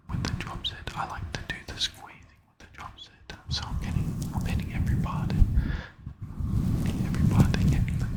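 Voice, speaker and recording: Male fitness vlogger for ASMR voice-over: fully whispered, breathy, right-in-the-ear delivery on a close mic, words gently repeated. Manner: repeats words and phrases softly. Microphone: close mic with fluffy cover.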